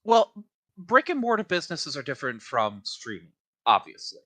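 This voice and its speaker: A man's voice: fairly high pitch, wildly swooping pitch, moderate pace, pushed and bright. A man co-hosting a podcast in casual chat, ranting bluntly and swearing freely. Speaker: podcast co-host.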